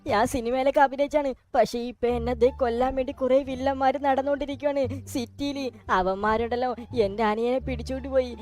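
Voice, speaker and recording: ഒരു സ്ത്രീ, വേട്ടയാടപ്പെടുന്ന, സംസാരിക്കുന്ന ഒരു ആൺ റേസ് കാറിന് ശബ്ദം നൽകുന്നു; അപേക്ഷിക്കുന്ന, ആത്മാർത്ഥമായ സംസാരം. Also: female voice, high-pitched, steady tone, quick pace, hardly any pauses, a little mellow, soft background music, close to an everyday voice. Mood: pleading. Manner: pleading, earnest. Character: anxious talking male race car, hunted.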